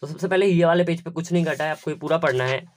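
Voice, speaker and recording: Young male teacher, a bit high-pitched, methodical and repetitive delivery. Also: quick pace. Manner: instructive, repetitive, step by step. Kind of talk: syllabus walkthrough lesson.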